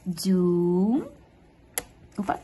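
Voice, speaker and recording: Casting: young adult Portuguese-speaking woman teacher, unhurried and encouraging, faint noise behind. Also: lowish voice, expressive, dark tone, rough recording. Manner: switches into slow classroom English, patient and encouraging. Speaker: English teacher. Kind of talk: online language lesson.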